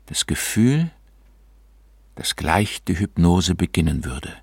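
A man narrating a story as a scripted audiobook reading, measured and expressive, close to the mic. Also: low-pitched, creaky, husky, dry recording.

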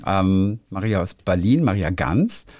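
Low-voiced guy on a podcast, lively pitch, dry close sound, reads a listener msg. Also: unhurried, no room sound. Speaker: podcast co-host. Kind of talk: casual chat, reading a listener message.

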